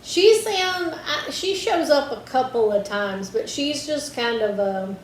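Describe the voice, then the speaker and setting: A woman's voice: sits high, expressive, measured pace. A woman co-hosting a podcast, talking casually and trailing off with lots of fillers. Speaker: podcast co-host. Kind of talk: casual chat. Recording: roomy echo, faint background hiss.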